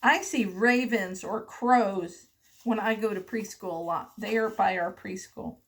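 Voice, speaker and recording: With a mid-range voice, a woman preschool teacher reads the alphabet aloud to children. She uses simple, deliberate, sing-song phrases and asks questions along the way.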